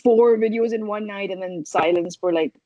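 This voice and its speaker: A woman's voice: mid-range voice, normal speed, dark tone, no echo. Dry, slightly muffled woman chatting casually. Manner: hesitant, informal, full of "like". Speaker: podcast guest, social media video creator. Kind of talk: casual chat. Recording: dry, slightly dull audio.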